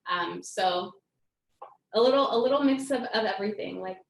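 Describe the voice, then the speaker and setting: A woman's voice: mid-range voice, moderate pace, creaky. Hesitant woman presenting in a roomy space. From United States (born in Iraq, raised in the US from age four). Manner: hesitant, lots of filler ums and restarts. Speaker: immigration attorney presenting a webinar. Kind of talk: presenting slides in a live webinar.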